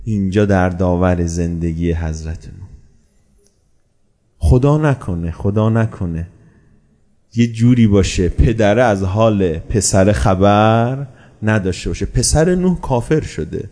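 A man preaching a sermon, telling a story with animated delivery and posing rhetorical questions that he answers himself. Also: fairly low pitch.

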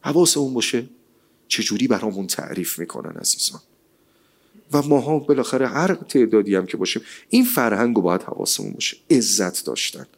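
A man giving a lively, colloquial sermon, asking rhetorical questions and reciting scripture. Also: mid-range voice. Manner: rhetorical, animated, quotes scripture. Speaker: religious speaker.

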